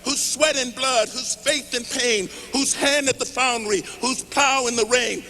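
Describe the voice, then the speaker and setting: High-pitched man in impassioned rally oratory. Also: steady tone, sharp tone. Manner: impassioned rally-speech oratory, declaiming in measured phrases. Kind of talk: poetry recital at a political rally. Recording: noisy large hall with long reverb.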